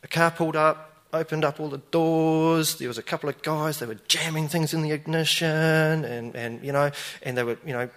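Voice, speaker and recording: A man's voice: fairly high pitch, fairly even intonation, moderate pace, fairly bright tone, pitched above the performer's own voice, lightly acted. Brief: alarmed Kiwi woman, as a man puts her on, breathless recounting in a raised voice.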